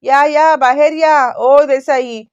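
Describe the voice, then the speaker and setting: A woman reads out the lines of a spiteful, scheming man who jeers loudly at his relatives and then feigns innocence. Her voice sits fairly high. The sound is dry and a little dull. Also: fairly even intonation, slow pace, no room sound. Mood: taunting. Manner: loud, mocking, falsely innocent.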